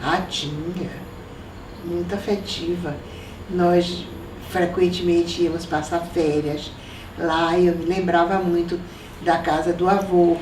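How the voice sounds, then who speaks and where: An older woman from Salvador, recalling her family in an oral history interview at an unhurried pace. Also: lowish voice, fairly even intonation, recorded from a distance. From Salvador, Brazil. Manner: reminiscing, unhurried, with soft laughs. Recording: echoey room, voice from off mic, faint noise.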